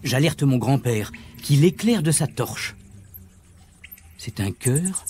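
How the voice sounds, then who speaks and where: A man reading a children's story aloud as narrator, in an expressive, animated way. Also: medium pitch, slow pace, slight background noise.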